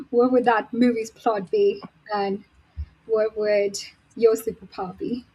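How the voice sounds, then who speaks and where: A woman's voice: a little high, fairly even intonation, slow, warm tone, breathy edge. A woman hosting an online roundtable who puts questions to her guests in an upbeat way. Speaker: host. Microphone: video call. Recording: muffled lo-fi video-call audio.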